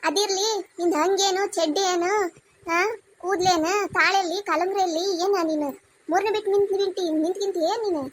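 A woman's voice: very high voice, fairly even intonation, fairly quick, slight background noise. A woman voicing a bossy, strict village mother-in-law with a North Karnataka Kannada accent, scolding and commanding.

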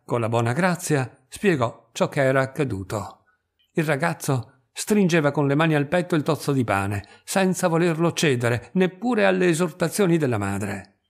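A man reading a literary short story aloud in a measured, even narration. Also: on the high side, vocal fry. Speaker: reader.

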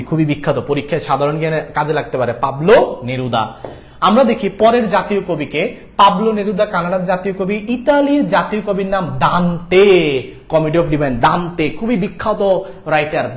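Male exam-prep tutor, high-pitched, drills facts by repetition; roomy echo. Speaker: teacher.

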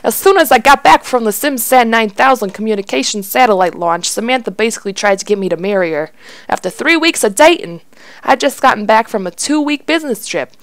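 A woman's voice: a little high, lively intonation, fairly quick, no echo, lightly acted. A woman voicing a laid-back young bro roommate who talks in casual dude-speak. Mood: breezy.

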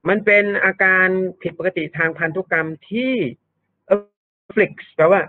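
A man's voice: high voice, fairly even intonation, takes it slowly, dry recording. A man tutoring an English grammar lesson, explaining step by step and often repeating his words. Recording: thin phone-like dry sound.

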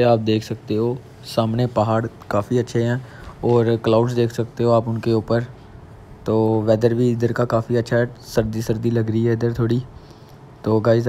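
Out on a motorbike and a hillside trail, a young man from Jammu, India, casually vlogs his travels and points things out to viewers. His voice is mid-range with a dark tone, recorded noisily outdoors.

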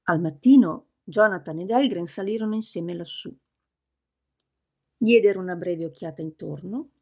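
A woman narrating a novel as an audiobook in a steady, measured reading. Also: lowish voice, slightly rough.

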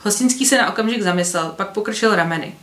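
Brief: book vlogger reading a novel aloud, mid pitch, roomy echo. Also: female voice. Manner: steady narration with occasional slips.

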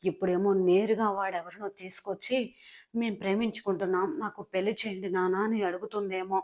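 A woman's voice: medium pitch, fairly even intonation, fairly quick, a little mellow, natural voice. A woman voicing a meddling, gossiping older aunt in a serial recap, speaking in an insinuating way. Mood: gossipy.

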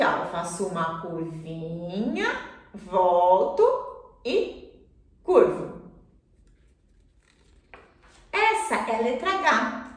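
Slow, sing-song woman teaching children. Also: fairly high pitch. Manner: warm, encouraging, drawn-out tracing cues. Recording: echoey room, voice from a distance.

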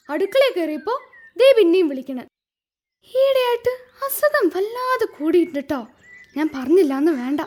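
A woman's voice: very high-pitched, darkish tone. A woman voicing Dakshayani, a young servant girl in a Malayalam radio play, complaining and fed up, with a Kerala accent. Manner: sulky, complaining. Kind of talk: radio drama acting.

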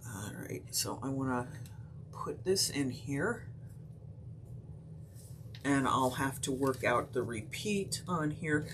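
A woman teaching a craft technique on a live stream, explaining each step in a relaxed, chatty way with lots of fillers and short hiccups. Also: very deep voice, slow, long pauses, slight background noise. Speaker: craft instructor.

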